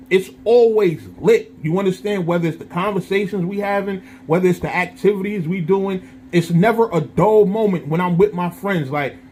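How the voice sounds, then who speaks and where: A man's voice: high voice, slight background noise. A man in his thirties talking casually to his viewers, checking in constantly with "you understand?" and using street slang. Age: 30s. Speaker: vlogger and channel host. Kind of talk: casual straight-to-camera monologue.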